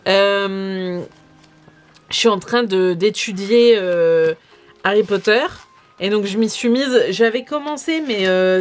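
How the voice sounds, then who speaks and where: French girl vlogging at home, rambly, lots of euh, keeps correcting herself, middling pitch. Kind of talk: casual chat. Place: home in New York.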